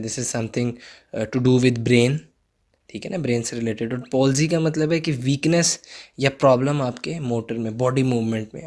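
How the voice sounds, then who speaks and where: A young man delivers a recorded psychology lecture in an instructive tone. His voice sits at a middle pitch. He goes over key points again and tells his students to note them down.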